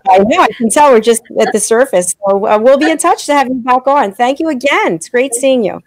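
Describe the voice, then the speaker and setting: A woman's voice: high voice, expressive, brisk, no echo. A woman hosts a live online talk show, upbeat and gracious as she thanks her guests. Her voice sits close and dry, with no room sound. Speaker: host.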